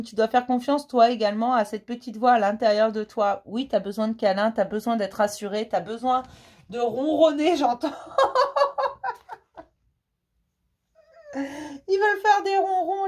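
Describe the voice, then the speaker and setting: A woman's voice: fairly high pitch, darkish tone. A woman giving a casual tarot reading for the star signs. She chats fondly, laughs often and calls her viewers her darlings. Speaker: tarot reader. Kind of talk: casual horoscope card reading.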